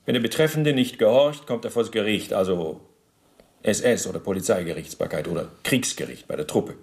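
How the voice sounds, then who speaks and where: In a docudrama radio play, an actor voices a former SS officer under interrogation who is evasive and indignant. His low voice carries vocal fry, and he justifies himself haltingly, emphatically and with formal deference, sounding insistent.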